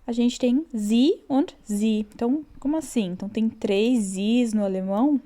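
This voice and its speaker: Woman, language teacher, warm mellow tone, patient, repeats words slowly, casual lesson. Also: on the high side. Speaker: German teacher. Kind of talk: relaxed online language lesson.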